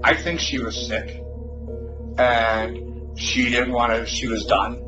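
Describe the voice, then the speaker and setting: Male cop interrogating, low-key n coaxing, muffled sound w music behind him. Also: fairly even intonation, slow pace. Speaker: police interrogator.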